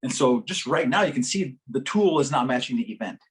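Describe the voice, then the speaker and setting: A man giving a workshop talk to a live audience, animated and expressive as he tells his story. His voice sits in a middle pitch, and he breaks into laughter and acted-out voices along the way. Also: a little fast. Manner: animated, acts out quoted voices with big pitch jumps; laughs as he talks. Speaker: workshop presenter. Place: conference workshop session.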